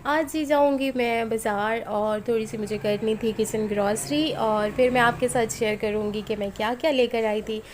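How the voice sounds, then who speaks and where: A woman in her thirties from Pakistan narrates a cooking video from home, her throat sore and strained by flu. Her fairly high voice is a little mellow, and she talks casually and homely, straight to viewers. Faint household and street sounds run underneath.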